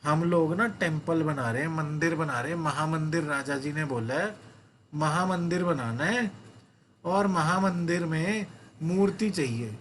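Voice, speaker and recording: A hopeful village man from a told tale, rambling as he asks a stranger for help, as a man puts him on. He speaks slowly, and his voice sits a bit high. The words spill out in a long, eager request. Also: a bit bright, a little hiss or hum. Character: eager male villager asking for a temple idol.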